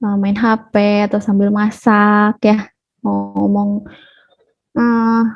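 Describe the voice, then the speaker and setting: A woman's voice: mid-range voice, flat delivery, takes it slowly, vocal fry, soft background music. Chatty woman on a dull webinar line. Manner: chatty, playfully acts out parents scolding. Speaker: parenting class speaker. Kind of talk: casual online webinar talk. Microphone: video call.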